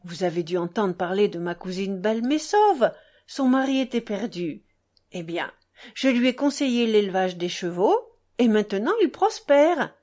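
A woman reading an audiobook, voicing an excitable, domineering middle-aged society lady who talks over everyone. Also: moderate pace, close to an everyday voice. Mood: gushing. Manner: high, breathless, talks over others.

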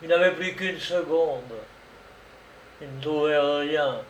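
A man narrating a classic story in a measured, dramatic reading style. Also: on the high side. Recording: roomy, distant mic, faint noise.

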